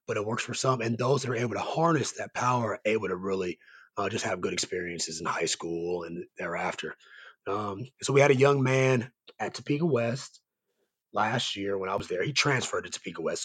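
Hoarse, raspy man in an interview. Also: fairly low pitch, a bit bright. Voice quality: raspy, strained voice. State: hoarse from yelling. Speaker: high school basketball coach and site coordinator, guest. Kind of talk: conversational interview answers.

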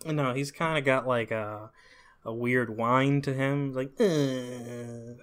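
Laid-back guy cohosting a podcast, talks slow and dry, bright sounding. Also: mid-range voice, fairly even intonation, clear, resonant tone. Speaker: podcast co-host. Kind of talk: casual comedic chat.

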